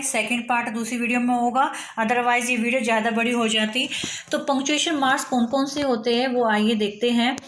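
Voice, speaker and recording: A woman's voice: on the high side, reverberant. A woman teaching a grammar lesson to students in mixed with English words, explaining step by step with spoken examples.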